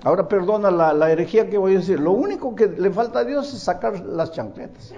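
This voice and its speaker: A man's voice: high voice, brisk, vocal fry, mellow, lo-fi sound. A man preaching a sermon as a pastor, telling stories and asking the congregation rhetorical questions.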